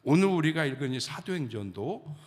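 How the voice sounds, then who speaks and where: A middle-aged male pastor from Chungcheong, Korea, preaches in a loose, humorous storytelling way. His pitch rises and falls with lively swings. His voice trails off into the long reverb of a church sanctuary. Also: moderate pace. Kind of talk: sermon.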